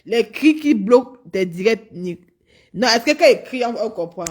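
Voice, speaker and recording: A woman, teasing and laughing through a mocking gossip rant with drawn-out exclamations. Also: on the high side, lively intonation. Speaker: online gossip streamer.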